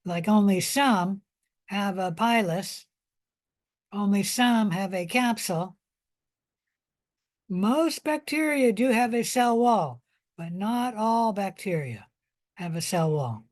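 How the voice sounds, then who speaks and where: Woman biology lecturer, slow deliberate pace, careful explaining, pauses and fillers. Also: mid-range voice, expressive. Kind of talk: recorded micro lecture.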